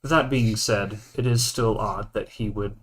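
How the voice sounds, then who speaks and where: A rigid, formal figure in a tabletop role-play who announces each remark with a label before speaking, voiced by a man. He speaks at a deliberate, unhurried pace in a low register. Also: fairly even intonation. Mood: measured. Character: stiff, formal male character who labels his speech.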